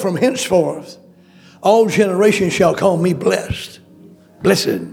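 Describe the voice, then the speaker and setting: High gravelly preacher guy reading verses n explaining em folksy style. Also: darkish tone. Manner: reads verses then comments in plain folksy asides. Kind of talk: sermon reading and explaining scripture.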